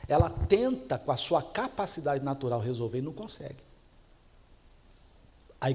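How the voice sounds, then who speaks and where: Man, Brazilian Portuguese accent, pastor, sermon, chatty storyteller, laughs easily, slightly high pitch. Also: a little mellow. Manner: chatty, laughs at his own stories.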